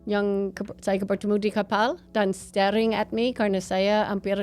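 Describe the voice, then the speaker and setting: An American woman from the United States, a gallery owner and painter, is an interview guest casually telling personal stories in Indonesian as a foreigner, slipping into English phrases as a native English speaker. Her voice is medium-pitched and darkish, level in tone, at normal speed.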